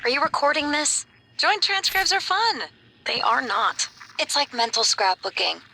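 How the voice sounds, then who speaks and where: A playful young woman banters casually in a video game. Her voice is high and bright, with a creaky edge. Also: sing-song, a little slow, full character voice, low-quality recording.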